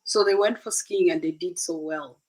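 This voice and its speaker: A woman's voice: lowish voice, moderate pace, a little mellow, poor audio. Earnest Ugandan-born woman giving parenting advice. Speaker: guest. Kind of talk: conversational interview.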